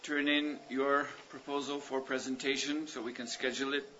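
A man leading a class, giving announcements in a measured way with pauses and fillers. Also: mid-range voice, flat delivery, pushed and bright. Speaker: class leader. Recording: muffled recording with background noise.

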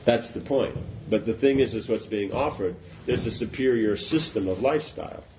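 A man's voice: mid-range voice, moderate pace. A man giving an informal spiritual talk, rambling with restarts and often asking whether it makes sense. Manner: rambling, repeats and restarts, asks "does that make sense?". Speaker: spiritual teacher. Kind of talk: informal philosophical discourse. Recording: dull lo-fi recording with faint noise.

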